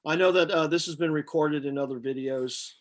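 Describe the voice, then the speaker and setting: A man giving a lecture, working through problems step by step in a halting, matter-of-fact, flat delivery as he thinks aloud. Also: fairly high pitch. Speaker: chemistry lecturer.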